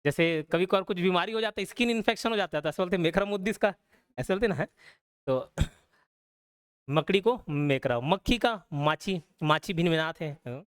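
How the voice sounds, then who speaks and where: Brief: young male online tutor, high and crisp voice, casual and explanatory, keeps checking in with students. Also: animated, fairly quick, fairly bright tone. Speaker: online exam-prep teacher. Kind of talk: live online class lecture.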